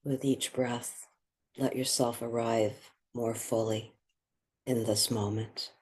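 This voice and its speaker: Slow and measured, this guided meditation voice sits at a middling pitch and leaves long pauses between thoughts. The delivery is flat yet soothing and contemplative as it gently leads the listener, with slight noise in the background.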